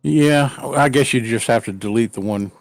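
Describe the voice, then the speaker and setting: Guy chatting on a stream, mid-pitched voice, dead dry sound. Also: normal speed, dry recording.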